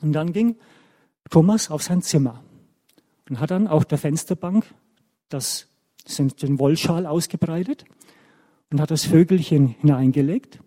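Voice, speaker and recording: Man telling children a story, animated. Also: fairly high pitch, husky, big-room sound.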